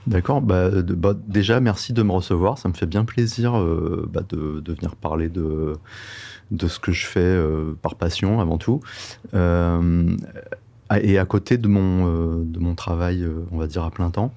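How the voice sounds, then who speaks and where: A middle-aged man with a French accent from France, a guest talking in a halting, thoughtful way with many hesitations and restarts. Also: deep voice, gravelly, warm tone. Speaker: guest, microbiologist and breathing-method instructor. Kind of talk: conversational interview.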